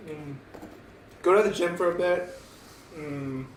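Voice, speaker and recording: A young man with a voice on the high side hosts a vlog, casually answering questions while eating a meal indoors. His intonation is fairly even and his pace slow, and he hums "mm" between thoughts. The room is echoey, the mic distant, with faint noise.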